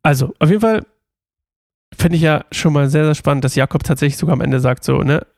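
A man's voice: fairly high pitch, fairly quick, gravelly, a little mellow, no echo, studio quality. A man reading scripture aloud and then musing about it casually, with many hesitations. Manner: chatty, hesitant with fillers when commenting. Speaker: bible reader and commentator. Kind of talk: bible reading with casual commentary.

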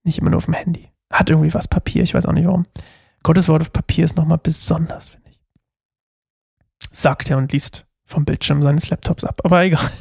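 A young man with a somewhat high, gravelly voice hosts a laid-back Bible study podcast. He talks in a chatty, self-mocking way, rambling through fillers and asides. The sound is dry and close, as if recorded in a small room. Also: a little mellow, dry recording. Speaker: podcast host reading and explaining the Bible.

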